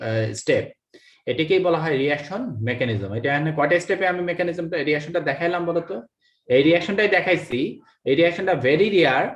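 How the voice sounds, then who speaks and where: A man teaches a chemistry lesson, explaining each step and answering his own questions. His voice sits a little high for a man. The recording carries a noticeable echo off the room. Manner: reads English lines from the text slowly. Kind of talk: classroom lecture.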